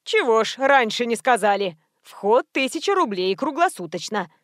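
A stern middle-aged guard woman speaks in short, blunt lines, voiced by a woman narrating a storybook. Her pitch is fairly high and the sound dry. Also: sing-song, normal speed, dry recording. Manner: blunt, curt.

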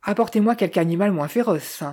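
A woman's voice: mid-range voice, quick pace, dark tone, slightly rough, natural voice. A woman voicing a polite, joking young man in an audiobook, courteous and wry.

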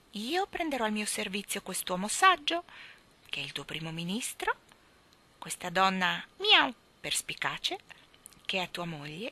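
A woman voicing a sly, proud talking cat who breaks into high drawn-out meows. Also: bright, forceful tone, heavily acted.

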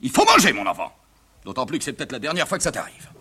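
A man voicing an exasperated middle-aged bourgeois father, who bursts out in shrill, indignant scolding in a one-man reading of a stage comedy. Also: huge pitch swings, fast, background noise.

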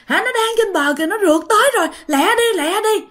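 A woman's voice: extremely high pitch, lively intonation, quick pace, fairly bright tone, voice pushed up. A woman storyteller voicing a terrified pregnant woman in labor, pleading frantically. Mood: panicked.

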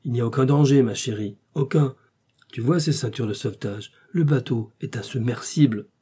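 A man's voice: medium pitch, normal speed, mellow, breathy edge, lightly acted. A man voicing a brave young male scientist who speaks firmly and encouragingly. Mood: reassuring. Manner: firm, encouraging.

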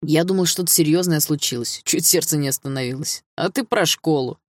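A man's voice: a little high, fairly quick, dry recording, studio quality, close to an everyday voice. A man reading an audiobook voices a nervous young man who rambles out slangy, pleading excuses.

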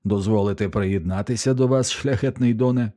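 A drunken young aristocrat who gushes with pompous delight, as a male audiobook reader puts him on. He talks effusively and a little unsteadily. The voice sits higher than a plain speaking voice. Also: a little fast, mellow, natural voice. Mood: gushing. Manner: gushing, effusive, tipsy.

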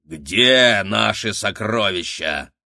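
A man voicing a huge, brutish giantess in an audiobook, speaking slowly and threateningly. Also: animated, vocal fry, pushed and bright, dry recording, clean studio sound, full character voice. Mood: bullying. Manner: slow, booming, threatening. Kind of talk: audiobook character voice.

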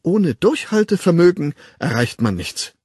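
A man's voice: a little high, sing-song, unhurried, a little mellow, breathy edge, no echo, clean studio sound, pitched above the performer's own voice, heavily acted. A man reading an audiobook, voicing a bossy young woman who lectures her friend in an emphatic, pushy way. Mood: insistent. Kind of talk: audiobook character voice.

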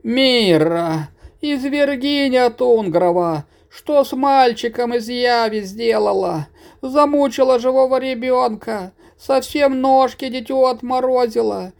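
A man's voice: takes it slowly, gravelly, full character voice. A man voicing a fussy old grandmother wolf spirit who grumbles and wails in a storybook. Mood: wailing. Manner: grumbling, then shrill wailing.

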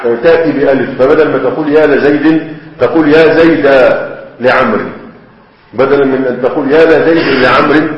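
Egyptian man, grammar teacher, quizzes students, echoey room, dull lo-fi sound. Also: medium pitch. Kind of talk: classroom lesson.

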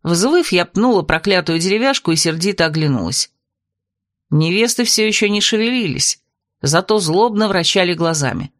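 A woman narrating a fantasy audiobook in the first person, in a lively, wry manner. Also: lowish voice, moderate pace, no room sound, studio quality.

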